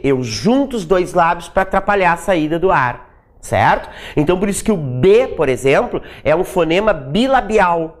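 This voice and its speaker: A woman teacher giving an exam-prep lecture, explaining step by step, checking in with her class after almost every phrase and sounding out example sounds, with chatty asides. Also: low-pitched. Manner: sounds out speech sounds to demonstrate; chatty asides with dry humor.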